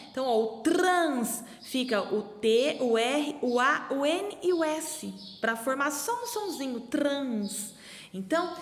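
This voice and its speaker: A Brazilian woman teaching small children, her voice a touch high as she stretches each syllable out slowly and clearly. The recording is roomy, with a long reverb trailing after her words. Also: fairly bright tone, slight background noise. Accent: Brazilian Portuguese. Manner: slow, exaggerated syllable-by-syllable sounding out. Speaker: primary school teacher. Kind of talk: remote lesson for young children. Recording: echoey room with long reverb.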